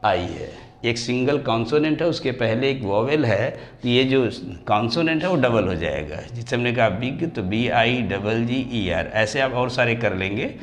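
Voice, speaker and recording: A man teaching English grammar, his voice at an ordinary middle pitch for a man. He drags out example words slowly, syllable by syllable, and calls his students dear children. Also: lively intonation. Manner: slows right down and stretches example words to spell them out. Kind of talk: classroom grammar lesson.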